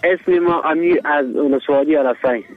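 Caller on a phone line. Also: male voice, on the high side, dry recording, faint music behind. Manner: brief, plain answers. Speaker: radio caller. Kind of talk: phone-in chat.

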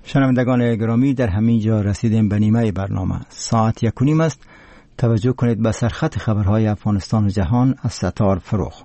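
A man with an Afghan accent making scripted announcements as a radio presenter. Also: lowish voice.

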